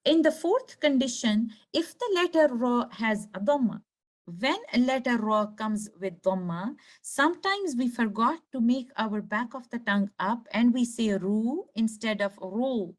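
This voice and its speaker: A woman with a slightly high voice gives a recorded recitation lesson. She explains each rule step by step. She slows down to sound out single letters with care. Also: lively intonation. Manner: slow, careful demonstration of letter sounds. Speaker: tajweed teacher.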